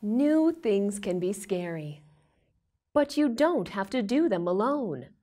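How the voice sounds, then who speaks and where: A young woman reads a children's story as if to a toddler. She goes very slowly, with big swoops in pitch. Her delivery is exaggerated and made simple for small listeners. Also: sing-song, dark tone. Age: young adult. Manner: reading to a toddler, with simple questions and exaggerated expression. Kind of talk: read-aloud picture book storytelling for young children. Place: indoor studio with plain backdrop.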